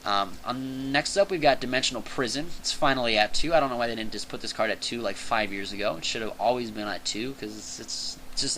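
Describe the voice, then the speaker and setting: A young man talks casually and eagerly for his channel, his voice bright and forward. He rambles with filler words and bursts of enthusiasm. A faint room ambience sits behind him. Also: on the low side, slight background noise, poor audio. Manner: excitable, chatty, says "dude" and "like" a lot. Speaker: channel host reviewing card game banlist.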